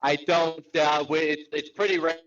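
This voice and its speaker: A man giving a live field report as a storm chaser on the road, halting and repeating himself. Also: on the high side, flat delivery, a bit bright. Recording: dull, lo-fi remote connection.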